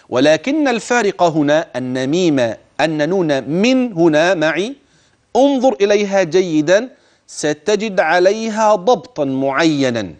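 A man teaching the rules of Quran recitation. He speaks straight to the listener, urges attention, and slowly stretches words to demonstrate how they should be pronounced. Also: sits high. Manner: addresses the listener directly, urging attention. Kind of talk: tajweed lesson with recited examples.

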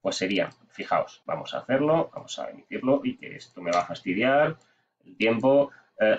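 Guy walking thru accounting software, asks himself questions out loud, kinda far from a muffled mic. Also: medium pitch, a little hiss or hum. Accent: Spanish. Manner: talks to himself while clicking, asks and answers aloud. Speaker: accounting teacher. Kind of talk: screen-recorded software tutorial.

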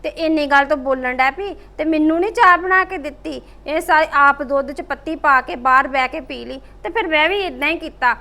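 Grumbling high-voiced woman. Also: moderate pace, hardly any pauses, bright, forceful tone. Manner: complaining, grumbling. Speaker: married daughter-in-law character. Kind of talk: short film acting.

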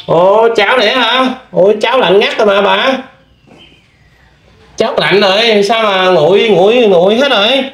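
Man, vlog host, slightly high voice, gentle questions, many fillers, roomy echo. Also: moderate pace. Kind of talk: casual interview.

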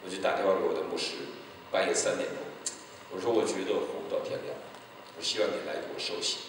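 A male pastor from mainland China, telling a story in an evangelistic sermon, acting out dialogue and breaking into loud exclamations. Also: deep voice, fairly even intonation, fast talker, slight background noise. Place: large church hall. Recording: echoey hall, voice picked up from a distance.

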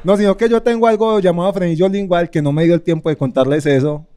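Young Colombian man, smooth voice, laughing. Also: high voice, steady tone, fast, mellow. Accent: Colombian Spanish. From Medellín, Colombia. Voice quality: slight speech impediment on R. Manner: laughs through his lines, self-mocking. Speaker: stand-up comedian. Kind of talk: stand-up set, then stage banter. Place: comedy club stage.

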